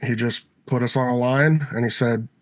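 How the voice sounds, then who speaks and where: Guy in his 30s spinning a rough practice story, mid pitch, acts out the coach. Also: steady tone, moderate pace. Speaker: former NFL offensive lineman, guest. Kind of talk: casual storytelling interview.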